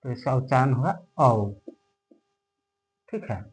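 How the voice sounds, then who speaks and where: Slow, patient male English teacher. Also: a little high, animated, poor audio. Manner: explains step by step, asks and answers his own questions, keeps checking in with "okay?". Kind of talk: classroom lesson.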